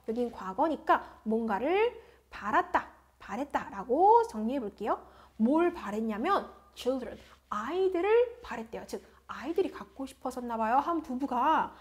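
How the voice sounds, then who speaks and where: Lively high-voiced woman teaching words. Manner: explains English words in Korean, reads each word twice; asks the class questions and answers them herself. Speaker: English teacher. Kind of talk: vocabulary lesson.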